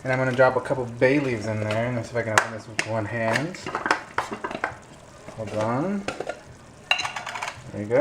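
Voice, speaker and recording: A man giving a casual, chatty cooking tutorial, talking viewers through each step informally. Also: medium pitch. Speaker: home cook presenting a recipe. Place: indoor kitchen at the stove. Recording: clear sizzling kitchen noise. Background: frying, sizzling and stirring.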